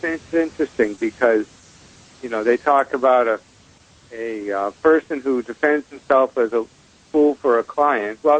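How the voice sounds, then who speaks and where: A man calling in as a guest astrologer on a radio show, his voice tinny and metallic, talking hesitantly with many pauses. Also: mid-range voice, a bit bright. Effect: tinny, metallic phone-line sound. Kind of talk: casual phone conversation. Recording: dull, tinny phone line.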